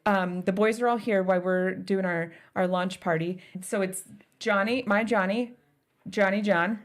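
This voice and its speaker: A woman's voice: medium pitch, fairly even intonation, normal speed. Podcast co-host, woman, chatty and teasing, loose rambling delivery. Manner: chatty, trailing restarts, playful teasing. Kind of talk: casual chat.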